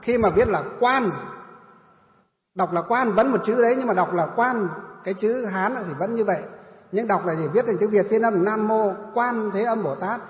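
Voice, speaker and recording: A man's voice: high-pitched, moderate pace. A man from northern Vietnam, a Buddhist monk giving a dharma talk, asking questions and answering them himself. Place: temple hall during a retreat. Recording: roomy hall, dull lo-fi sound.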